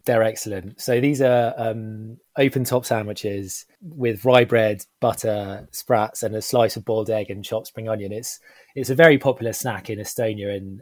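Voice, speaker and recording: A man's voice: on the low side, no echo. A man hosting a podcast in casual chat, laughing often and using lots of fillers. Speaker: podcast host.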